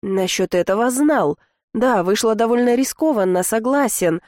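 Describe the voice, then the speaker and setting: A woman's voice: fairly high pitch, moderate pace, darkish tone, no echo, lightly acted. Sly young count, a woman reading him, mock guilty, audiobook, dry mic. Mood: sheepish. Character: young male count, sly, pleased with himself.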